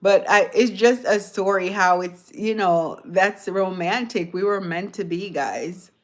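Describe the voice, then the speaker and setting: Woman, casual livestream chat, unhurried, repeats herself, tired. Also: medium pitch. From Jamaica. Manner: chatty, rambling, repeats herself. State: tired from a late night. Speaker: livestream host.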